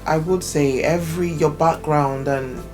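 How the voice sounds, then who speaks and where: A woman's voice: sits low, steady tone, measured pace, a little mellow, faint music behind. A woman who grew up in Nigeria, talking casually as an interview guest about her businesses and background, with many fillers. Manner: thoughtful, explains at length with many fillers.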